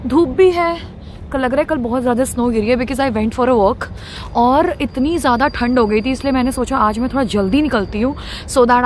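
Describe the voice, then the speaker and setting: A young Indian woman with an Indian English accent vlogging in casual, excitable chat as she walks through a snowy city, mixing Hindi and English. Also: fairly high pitch, slight background noise. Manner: chatty, excitable, talks while walking. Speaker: travel vlogger.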